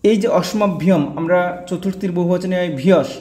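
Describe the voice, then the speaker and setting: A man's voice: high-pitched, steady tone, brisk, warm tone, big-room sound. A man teaching a grammar lesson, drilling word endings aloud and repeating each form. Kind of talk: explaining grammar tables.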